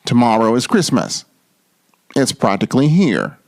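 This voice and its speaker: A man's voice: mid-range voice, very animated, moderate pace, darkish tone, no echo, studio quality. A man voicing a sour, scheming old storybook creature with a growling, sneering delivery. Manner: snarling, sneering. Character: sour, scheming old male Grinch who hates Christmas.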